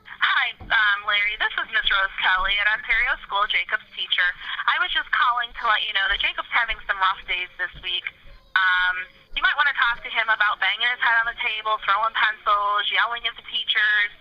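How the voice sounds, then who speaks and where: A woman's voice: mid-range voice, fairly quick, highs cut off. A woman teacher leaving a hesitant voicemail message over the phone, with frequent ums.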